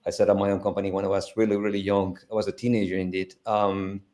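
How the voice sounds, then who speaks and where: A middle-aged Spanish man with a Spanish accent, a foundation founder, speaks earnestly as a guest on a live-stream panel, restarting his sentences often. His low voice is fast, flat and a little mellow.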